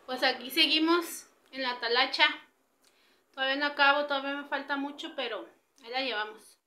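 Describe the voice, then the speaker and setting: A woman's voice: sits high, a little fast, sharp tone. A woman, chatting to viewers in a casual cleaning vlog from her home kitchen. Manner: chatty, addresses viewers directly. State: sweaty from cleaning. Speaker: vlogger.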